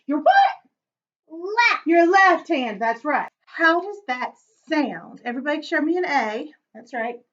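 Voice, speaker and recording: A woman's voice: high voice, lively intonation, measured pace, few pauses, fairly bright tone, highs cut off. A woman teaching children a recorder lesson, encouraging them and chanting rhythms aloud. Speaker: music teacher.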